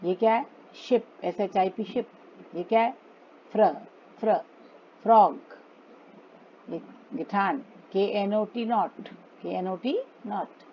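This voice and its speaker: Indian woman phonics teacher for kids, unhurried and patient, muffled audio. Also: medium pitch, slight background noise. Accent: Indian English. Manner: slow, patient drilling of words. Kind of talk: phonics lesson for children.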